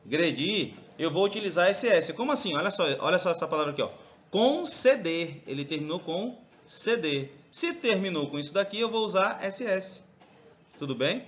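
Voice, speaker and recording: A man's voice: high-pitched, expressive, a little fast, fairly bright tone. A man teaching a lesson, chatty and addressing his students directly with frequent check-ins. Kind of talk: lively classroom video lesson. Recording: dull lo-fi recording.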